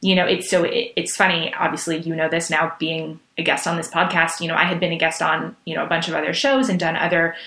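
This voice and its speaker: A woman with a fairly low voice hosts a podcast and asks her questions in a thoughtful, halting way. She often pauses and uses fillers as she talks. Her voice sounds roomy and echoey. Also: steady tone, pushed and bright. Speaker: podcast host. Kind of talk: casual interview chat.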